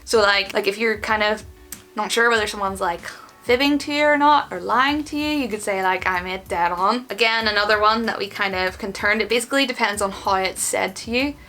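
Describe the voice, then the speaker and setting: Woman, Northern Irish accent, bright crisp-edged tone, mid pitch, casual chatty explainer, light background music. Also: brisk. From Northern Ireland. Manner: informal, acts out short example exchanges. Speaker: host of an online video channel.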